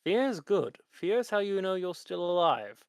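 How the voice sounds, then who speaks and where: A man voicing a calm lich professor in a tabletop game, speaking in a measured, explanatory, formal way. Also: sits high, smooth, no echo, studio quality. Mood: grave. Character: lich professor in a metal mask, calm, instructive.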